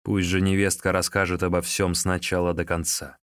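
A man voicing a cold, vengeful sworn brother who speaks slowly and mockingly. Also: low voice, flat delivery, fairly bright tone, clear, resonant tone, no room sound, clean studio sound. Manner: slow, mocking.

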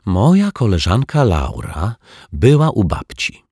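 A man's voice: fairly low pitch, huge pitch swings, measured pace, a little mellow, breathy edge, no room sound, studio quality, voice pushed up, full character voice. A man voicing a quarrelsome little girl who squabbles with her brother in a raised voice. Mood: indignant.

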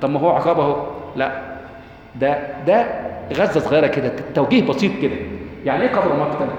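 A man with an Egyptian Arabic accent giving a lecture on Quran rhetoric, asking his class questions and quoting verses slowly. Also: fairly high pitch, animated, a little mellow, a little hiss or hum. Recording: echoey hall, dull lo-fi.

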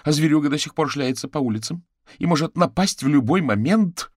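A man's voice: a little high, lively intonation, fairly quick, no echo, studio quality, pitched above the performer's own voice. A man voicing an anxious mother who talks in a raised, worried voice. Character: anxious mother, wary and hurried.

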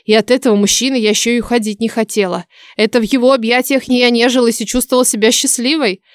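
A woman narrating a first-person fantasy audiobook in an expressive, lively storytelling manner. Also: a little high, quick pace, no room sound, clean studio sound.

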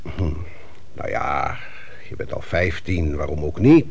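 In a Dutch radio play, an actor voices a fatherly but sceptical family doctor who questions deliberately, humming thoughtfully. He uses a full character voice that is very deep, expressive, gravelly, husky and darkish in tone.

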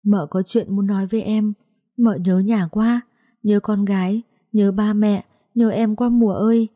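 A woman's voice: mid-range voice, steady tone, moderate pace, warm tone, no echo, clean studio sound, natural voice. A woman voicing the ghost of a young mother who speaks through a medium in choked, sobbing pleas. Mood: grieving, tearful.

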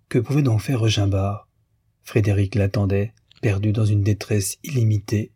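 A man narrating a classic novel as an audiobook, reading in a measured, unhurried literary manner. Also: on the low side, mellow, breathy edge, no echo, clean studio sound.

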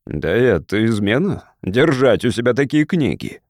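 A man's voice: medium pitch, big pitch swings, normal speed, no room sound, studio quality. A man voicing a curt Martian military mentor who interrogates a prisoner in a storybook reading. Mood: stern.

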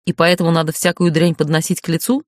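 An audiobook reader voicing a stern, commanding young man, speaking low and clipped. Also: flat delivery, quick pace, no room sound, clean studio sound, close to an everyday voice. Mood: angry. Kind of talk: audiobook character voice.

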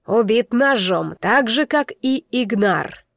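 A woman voicing a stern older male garrison commander who speaks curtly and slowly, commanding the room. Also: on the high side, no room sound, clean studio sound, close to an everyday voice. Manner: curt, commanding, measured.

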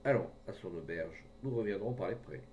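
Recorded from afar with a faint rumble behind him, a man voices a gruff, half-peasant old fellow who blusters loudly and rustically. His pace is fairly quick, close to an everyday voice, and his mood is jovial.

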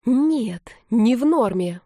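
A hot-tempered young female student, snapping and hissing her words, as a woman reads her aloud. The voice is warm and mellow, recorded close and dry. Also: a little high, expressive, slow pace, no echo, full character voice. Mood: angry. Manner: angry, hissing. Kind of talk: audiobook reading.

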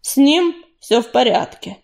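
A brusque tom-cat leader, as a woman puts him on snaps short, gruff answers in an audiobook. The voice stays mellow under the edge. He sounds proud and unwilling to be questioned. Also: on the high side, normal speed, natural voice. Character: stern male cat clan leader, brusque.

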